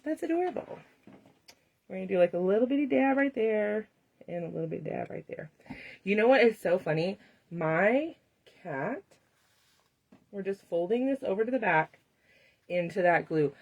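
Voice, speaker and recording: A woman's voice: mid-range voice, lively intonation, normal speed, creaky, long pauses, darkish tone. A woman hosting a live craft demonstration, chatting to viewers and laughing often as she works. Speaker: craft tutorial host.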